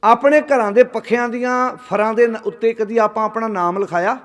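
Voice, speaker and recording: A man's voice: very high voice, steady tone, moderate pace, a bit bright. A man giving a Sikh sermon, asking rhetorical questions and calling on the congregation to answer aloud. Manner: calls on the audience to answer aloud. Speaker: Sikh preacher.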